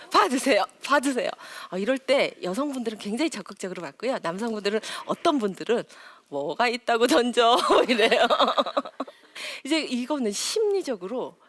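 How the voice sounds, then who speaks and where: A woman giving a lively parenting lecture, acting out quotes in high voices and dropping to near whispers for emphasis. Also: no echo. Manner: animated, acts out quotes in high voices, laughs often. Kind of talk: lively lecture to a live audience.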